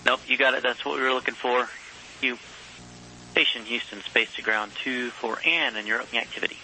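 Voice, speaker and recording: A man's voice: medium pitch, fairly even intonation, a little fast, sharp tone, a little hiss or hum, poor audio. A man working as a mission control communicator, giving procedural but conversational messages over a space radio link. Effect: space radio transmission.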